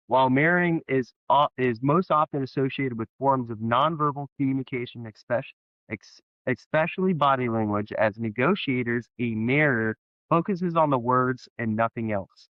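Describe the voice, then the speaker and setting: A man teaching a sales technique in a casual explainer video, talking in a halting way with many fillers and restarts. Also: medium pitch, no room sound, muffled recording. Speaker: sales trainer.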